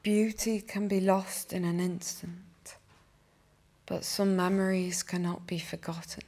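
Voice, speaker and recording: A young woman gives a poetry reading in a cathedral. Her voice sits low, and she lets every line land slowly and deliberately. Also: little pitch movement, a little mellow. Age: young adult. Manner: slow, measured recitation. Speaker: young poet.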